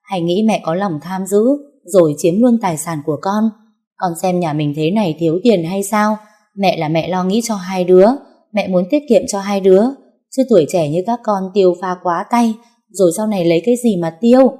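A woman's voice: medium pitch, normal speed, mellow, lightly acted. A woman voicing a bossy, scolding mother-in-law. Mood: indignant. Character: domineering middle-aged mother-in-law, grasping.

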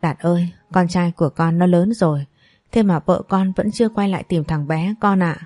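A kindly old woman who fusses over her family, read by a woman narrator. Her low, mellow voice comes across warm and motherly. It is a dry recording with soft music underneath. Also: moderate pace, no room sound, lightly acted. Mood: sorrowful.

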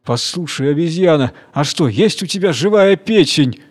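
A man's voice: fairly high pitch, animated, normal speed. A silly, gossipy jellyfish from a storybook tale, chattering and teasing, as a male narrator puts her on. Her voice rises a little above his usual tone. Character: foolish chatty female jellyfish, boastful.

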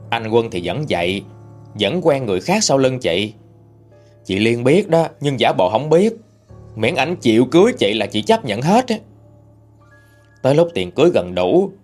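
A man with a Southern Vietnamese accent narrating a true-life story in an expressive, gossipy way. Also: mid-range voice.

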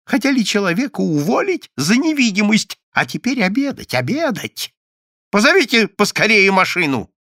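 A man voicing a brash, pushy male official who shouts and bosses people about. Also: sits high, very animated, moderate pace, no echo, studio quality, voice pushed up, full character voice. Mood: bossy. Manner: shouting, bossy.

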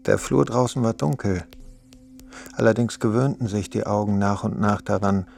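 A man narrating a literary radio play in an even, measured way. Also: on the low side, vocal fry, soft background music.

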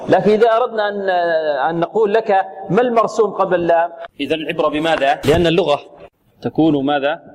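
A man teaching Quran recitation to students, questioning them constantly and demonstrating pronunciation with slow, drawn-out examples. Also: fairly high pitch, a little mellow, slight background noise. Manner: questioning, drills students with repeated prompts. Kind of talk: tajweed lesson with students. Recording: long reverb, radio broadcast.

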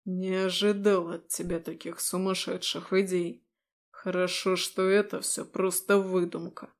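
A woman reading an audiobook, voicing a cold, scornful male demon who speaks slowly with a hiss. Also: lowish voice, little pitch movement. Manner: hissing, slow, scornful. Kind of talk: audiobook character voice.

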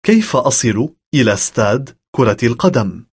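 Male, slightly husky, measured phrasebook narrator for language lessons. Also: medium pitch, sing-song. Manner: measured, instructional delivery.

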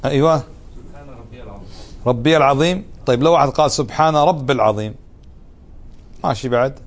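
A man's voice: medium pitch, fairly quick. A man teaching a religious lesson, often putting questions to his students. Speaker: Islamic teacher.

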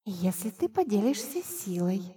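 A woman's voice: medium pitch, very animated, normal speed, dark tone, lightly acted. A woman voicing a cheeky invisible male spirit that turns into a tiny winged kitten, speaking in a nasal whisper with a teasing, condescending manner, in an audiobook reading. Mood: sulky teasing. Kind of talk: audiobook narration.

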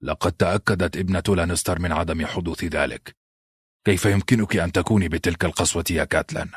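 A male narrator voicing a grave, troubled lord who speaks slowly and heavily. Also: deep voice, steady tone, slightly rough, no room sound, studio quality. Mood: angry. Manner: slow, heavy, brooding.

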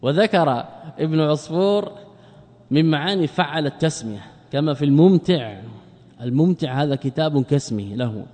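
A man's voice: a little high, animated, moderate pace, mellow, in a large hall. A male sheikh teaching a grammar lesson, often asking and answering his own questions and repeating words for emphasis. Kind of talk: classroom lecture on Arabic grammar.

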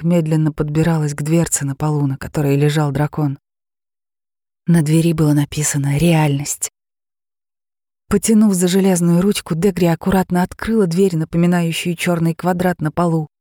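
Low, gravelly woman narrating a fairy tale. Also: no echo, clean studio sound. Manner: expressive storytelling, raising her pitch for the girls' lines.

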